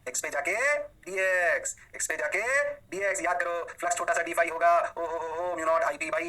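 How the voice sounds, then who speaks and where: A man teaching physics in a recorded lecture, talking rapidly and animatedly and firing questions at his students. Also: fairly high pitch, little pitch movement, bright, forceful tone.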